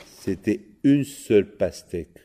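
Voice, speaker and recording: A man doing a calm, wise old man. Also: lowish voice, a little slow, pitched below the performer's own voice.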